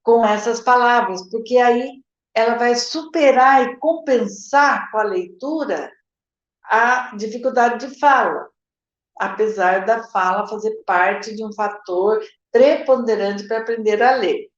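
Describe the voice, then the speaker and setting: A Brazilian woman teacher explains how to teach reading, answering viewer questions in a live session. Her voice sits a little high and she keeps checking in with her audience. The sound is roomy and somewhat dull. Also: measured pace. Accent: Brazilian Portuguese. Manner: explanatory, addresses viewers directly with "gente" and "tá?".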